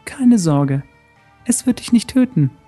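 A man voicing a soft, cold sorceress. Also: high-pitched, sing-song, soft background music, pitched above the performer's own voice, full character voice. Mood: menacing. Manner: soft, contemptuous, deliberate. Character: cold vengeful woman sorceress, soft-spoken.

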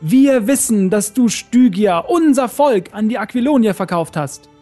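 A man voicing a cold, vengeful woman sorceress who speaks softly and with contempt. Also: high-pitched, expressive, faint music behind, voice pushed up. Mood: judging. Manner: soft, contemptuous, deliberate.

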